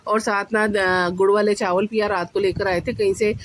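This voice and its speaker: A woman's voice: mid-range voice, flat delivery, normal speed, a little hiss or hum. Woman home-cooking vlogger, chatty and rambling, talks straight to viewers from her kitchen. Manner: chatty, addresses viewers as "janab", many fillers. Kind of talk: casual cooking vlog narration.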